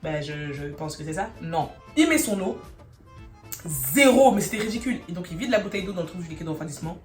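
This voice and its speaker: A woman casually telling a story in an animated way, swearing freely. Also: low voice, very fast, soft background music. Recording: roomy echo.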